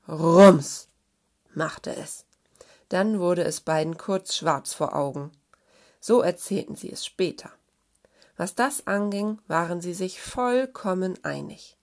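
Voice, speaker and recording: A woman reading a children's story aloud in a gentle, expressive way. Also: on the low side, measured pace.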